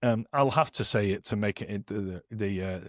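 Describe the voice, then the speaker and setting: A man's voice: lowish voice, moderate pace, dry recording, clean studio sound. A middle-aged man, hosting a podcast and telling jokey stories with a laugh. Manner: jokey storytelling, laughs at his own stories. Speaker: podcast host. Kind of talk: casual chat.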